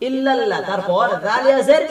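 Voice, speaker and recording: Male recitation teacher, high-pitched, spells words out letter by letter and drills them; recorded in an echoey room a little away from the mic. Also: lively intonation, distant mic. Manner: asks questions and answers them himself; chants the verses slowly. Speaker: Quran reading teacher.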